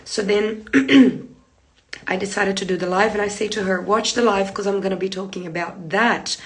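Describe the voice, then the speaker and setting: Sitting at a desk in a small room, a woman in her thirties runs a live hair tutorial as a hair treatment educator, her voice hoarse from a cold. She speaks at medium pitch and a moderate pace, chatty and repetitive, gesturing along the way, captured by a phone camera held close in front.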